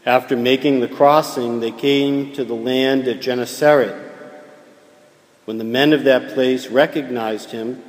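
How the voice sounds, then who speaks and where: A man preaching as a priest, reading the gospel and giving a homily in a slow, measured way with casual fillers, heard with cathedral echo. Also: medium pitch, fairly even intonation. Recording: cathedral echo with long reverb.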